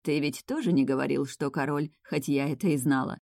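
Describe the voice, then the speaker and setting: A woman voicing a playful, self-assured female elf princess with a low, velvety voice in an audiobook. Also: fairly even intonation, a little fast, creaky, darkish tone, no room sound, clean studio sound. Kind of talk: audiobook reading.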